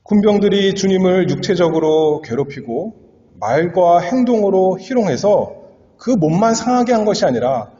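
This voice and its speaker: With a high-sitting, dark-toned voice, a male pastor preaches an earnest expository sermon full of dramatic rises and falls. The sound is dull and lo-fi, echoing around a hall.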